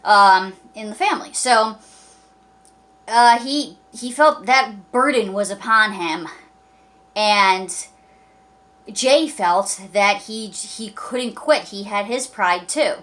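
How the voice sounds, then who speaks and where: A woman in a casual vlog, rambling excitedly through a wrestling recap. Her voice sits at an ordinary middle pitch, and she fills the gaps with lots of ums. Now and then she puts on voices to act out what the wrestlers said. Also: takes it slowly. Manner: enthusiastic, rambling with many fillers; acts out quoted lines in a mock voice. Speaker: wrestling show reviewer.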